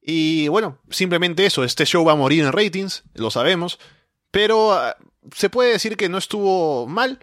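A man co-hosting a casual podcast, relaxed and thinking aloud with small restarts. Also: high voice, normal speed, dry recording, clean studio sound. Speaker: podcast co-host. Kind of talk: casual wrestling podcast chat.

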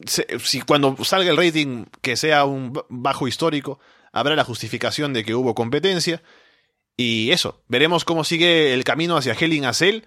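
A man co-hosting a casual podcast, relaxed and thinking aloud with small restarts. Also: medium pitch, moderate pace, dry recording, clean studio sound. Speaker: podcast co-host. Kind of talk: casual wrestling podcast chat.

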